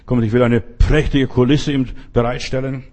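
A man's voice: medium pitch, level tone, moderate pace, a little mellow, close to an everyday voice. A man voicing a vain, showy male peacock in a spoken Christmas tale.

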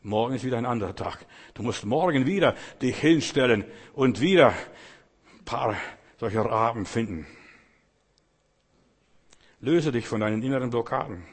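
Husky-voiced man preaching in a hall. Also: medium pitch, animated, normal speed, long pauses. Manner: addresses listeners directly, insistent and exhorting. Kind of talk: sermon.

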